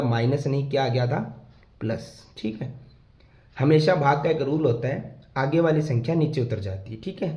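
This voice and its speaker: A man's voice: medium pitch, a little mellow. A man teaching maths step by step, asking his pupils questions and answering them himself, patiently repeating the rules. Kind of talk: step-by-step classroom explanation. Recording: echoey room.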